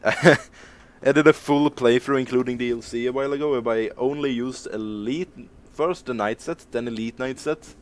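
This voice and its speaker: A man's voice: medium pitch, normal speed, slight background noise. A man from Sweden giving casual live-stream commentary while he plays a game, rambling, joking at his own expense and swearing casually. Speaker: gaming streamer.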